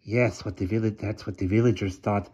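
A man voicing an ancient, sly hunchback servant who talks slowly and ingratiatingly, on a dull lo-fi recording. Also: lowish voice, fairly even intonation, mellow, husky. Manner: slow, creeping, ingratiating.

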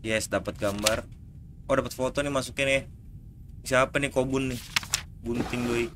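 A man's voice: mid-range voice, steady tone, moderate pace. Jumpy Indonesian man gaming. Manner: jumpy, swears when startled. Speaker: gaming streamer. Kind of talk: casual gameplay commentary. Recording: noisy background.

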